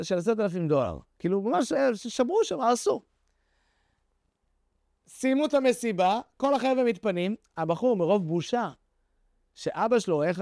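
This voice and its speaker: A man preaching, telling a story in an animated, emphatic way. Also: high voice, dry recording, clean studio sound. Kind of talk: storytelling sermon.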